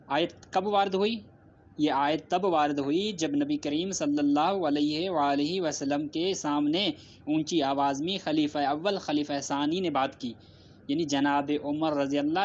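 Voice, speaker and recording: A man answering in a formal religious debate, hammering each point home by repeating it and leaning on citations. The recording is dull and lo-fi, with a faint hiss underneath. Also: a little high. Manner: repetitive, emphatic, cites scripture and hadith.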